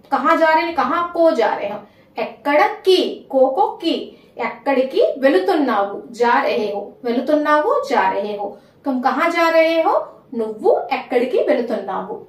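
High-voiced lady teacher, goes slow and repeats stuff, echoey room, mic kinda far. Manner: slow, repeats each phrase for learners. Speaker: language teacher. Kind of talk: spoken language lesson.

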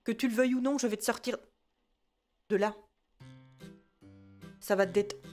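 A woman's voice: a little high, fairly even intonation, moderate pace, a little mellow, soft background music, natural voice. Woman playing an exasperated scolding mom. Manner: scolding, peppered with "hein" and mild swearing. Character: exasperated mother scolding her unruly little son. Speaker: gaming video creator. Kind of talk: comic game role-play.

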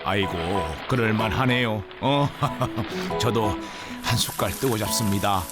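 A man's voice: on the low side, measured pace, loud music behind the voice. A man with a Jeolla accent narrating a documentary in a chatty, exclamatory way. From Jeolla, Korea.

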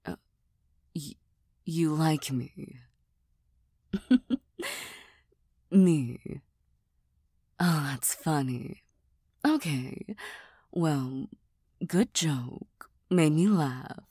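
A tired, serious cat girl, voiced by a woman in a soft ASMR role-play for ASMR. She speaks slowly and breathily in a low register. Her manner is deadpan and hesitant, gently teasing and quick to put herself down. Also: slightly rough, no room sound, clean studio sound, full character voice. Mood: dry, doubting. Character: tired, serious, self-deprecating young cat-girl best friend.

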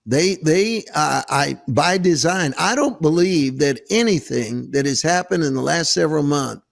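Gravelly, incredulous male host. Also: a little high, animated, a little slow. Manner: incredulous, emphatic, sarcastic. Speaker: show host, preacher. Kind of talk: casual political commentary.

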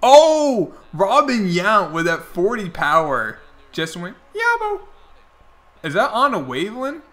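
His voice sits high and swoops wildly in pitch, slightly bright, and he takes things slowly. A young man streaming a baseball game, he chats casually with viewers while his voice is giving out.

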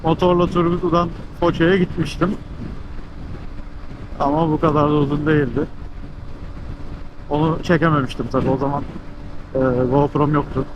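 A man from Turkey motovlogs outdoors, his voice on the high side, flat in delivery, at normal speed and pausing often, slightly muffled from within his helmet. He keeps things casual and upbeat, speaking to viewers and to his bike. The helmet mic picks up wind and engine noise, plus vehicles passing.

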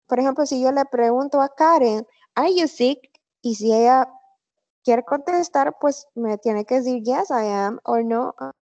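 A woman teaching an online English class, speaking slowly and carefully and repeating example phrases. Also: fairly high pitch, darkish tone, no echo. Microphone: computer mic on a video call. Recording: slightly dull online class audio.

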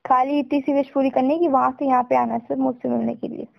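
A woman's voice: high voice, fairly even intonation, vocal fry, no echo. A young woman playing an insistent, stubborn girlfriend arguing on a phone call in a scripted drama. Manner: pushy, insistent, quick-talking. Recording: dull, dry lo-fi recording.

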